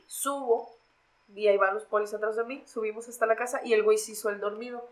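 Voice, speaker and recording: A woman's voice: on the high side, fast talker, rough recording. A young Mexican woman with a Mexican Spanish accent, a podcast guest casually telling a story and acting out the voices of the people in it. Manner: animated, acts out quoted voices.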